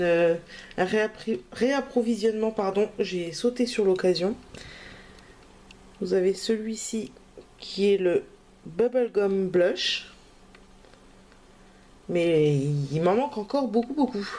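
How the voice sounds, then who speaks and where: With a medium-pitched, dark-toned voice, a French crafting vlogger goes over the things she bought. It's a casual haul video, and her speech is hesitant and filled with fillers.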